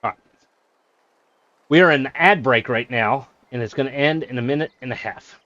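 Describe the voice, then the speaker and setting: A man streaming a game from a small closet office, chatting casually in a monotone way, with many fillers. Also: mid-range voice, normal speed, no echo, muffled recording. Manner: self-described monotone, rambling with fillers. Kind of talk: casual live-stream chat.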